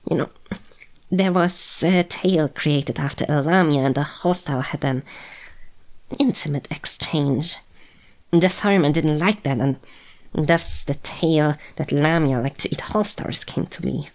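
A woman's voice: deep voice, measured pace, darkish tone. A woman playing a proud but anxious snake-bodied monster woman in an audio role-play, speaking hesitantly and stammering to the listener. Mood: wary, distrustful.

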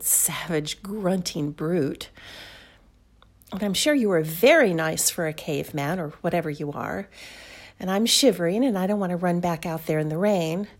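A woman's voice: fairly low pitch, breathy edge. A young woman acting a proper, easily flustered young time traveler in an audio roleplay, speaking breathily and often dropping to a whisper. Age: young adult.

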